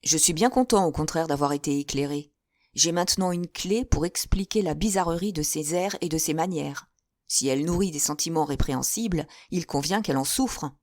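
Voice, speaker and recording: A woman voicing a charming, teasing young gentleman with a smooth, playful manner. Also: low-pitched, fairly quick, dry recording, clean studio sound, lightly acted.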